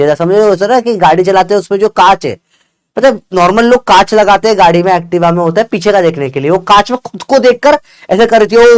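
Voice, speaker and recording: A man's voice: high voice, no room sound. A man teaching a casual lesson, chatty and joking, often checking whether his students follow.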